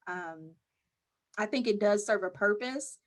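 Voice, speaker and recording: A woman mental health counselor answering interview questions in a calm, measured, explaining way. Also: mid-range voice.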